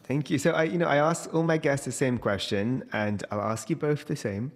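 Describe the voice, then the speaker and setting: A man's voice: medium pitch, moderate pace. A young man hosts a podcast into a mic on a stand, speaking with enthusiasm in a mid-range voice. A long reverb trails behind his words, as if he were in a large, hard room. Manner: enthusiastic, scripted introduction. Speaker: podcast host. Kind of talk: podcast interview hosting. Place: indoor room, video call. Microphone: studio mic on stand.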